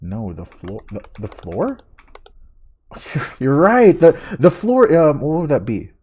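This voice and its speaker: A man giving live commentary as he streams a horror game, jumpy and scared, thinking aloud in short, halting phrases. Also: a little high, huge pitch swings, a little mellow, husky.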